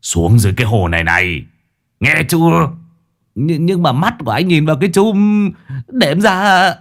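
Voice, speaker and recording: A man's voice: low-pitched, very animated, a little fast. A man voicing a timid, frightened young man who stammers and whines. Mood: frightened pleading. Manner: stammering, whining.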